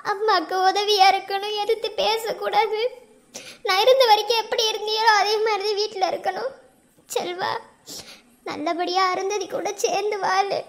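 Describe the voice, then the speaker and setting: A woman voicing an emotional, caring village mother with a Madurai Tamil accent in a cartoon. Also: extremely high pitch. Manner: tender, pleading.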